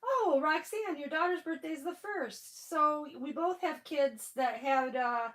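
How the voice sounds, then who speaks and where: A woman in her forties hosts a crafting livestream in a high, slightly bright voice, taking things a little slowly. Stuffy-nosed and Michigan-accented, she chats casually and says hello to viewers by name, often restarting and using fillers.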